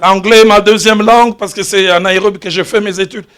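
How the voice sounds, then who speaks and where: This pastor's sermon to his church congregation comes in a bright, ringing, high-pitched voice that is smooth, a little fast and fairly even in intonation. Telling his stories, he drops to hushed asides, then rises to loud exclamations.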